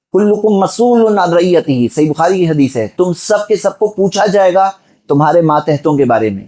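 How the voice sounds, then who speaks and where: Man, preacher, slightly high voice, exhorting sermon, rhetorical questions. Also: a little mellow. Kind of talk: Friday sermon.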